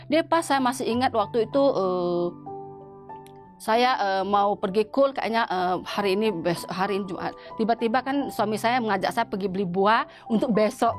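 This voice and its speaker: A woman giving a church testimony in an interview, talking in a halting way with many restarts. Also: medium pitch, faint music behind. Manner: halting, with frequent restarts and repeated words.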